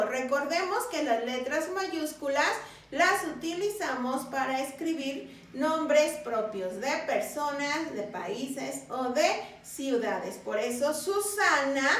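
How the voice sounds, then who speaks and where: Woman teacher, high voice, very slow, sing-song drills for kids, echoey room. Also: far from the mic. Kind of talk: early-reading lesson for young children. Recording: roomy echo, voice from the mic.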